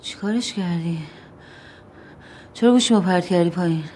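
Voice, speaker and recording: An actress playing a distraught young woman on morphine, who fires back sharp, defiant retorts. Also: low-pitched, husky.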